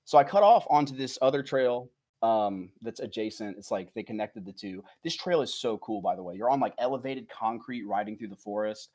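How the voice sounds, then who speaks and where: Animated man telling a rambling story. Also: lowish voice, fairly quick. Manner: animated, rambling anecdotes with swearing. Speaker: podcast co-host. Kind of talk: casual comedic storytelling.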